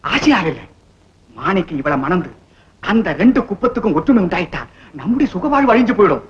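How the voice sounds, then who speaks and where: A man's voice: high voice, very animated, fairly quick. An actor playing a domineering, scheming rich man, in a commanding, smug 1960s film acting style, on a dull old film soundtrack.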